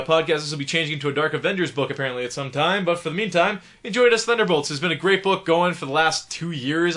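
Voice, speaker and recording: A young man with a bright, forceful voice, rattling quickly through the week's comics. He sounds a bit sick from the flu but stays eager and chatty, with plenty of "uh"s. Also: a little high. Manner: enthusiastic, chatty, lots of fillers. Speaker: comic book podcast host. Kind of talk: casual video review of weekly comics.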